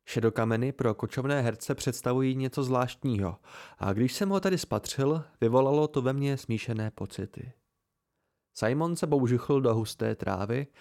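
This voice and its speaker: Amateur audiobook reader, male, middle pitch, plain narration with light character voicing. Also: gravelly, a little mellow.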